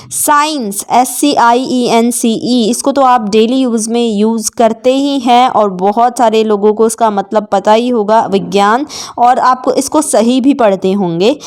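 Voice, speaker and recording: Woman, teacher, fairly high voice, slow careful lesson, repeats every word. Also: a little mellow. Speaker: English teacher. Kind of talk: spoken Hindi vocabulary lesson.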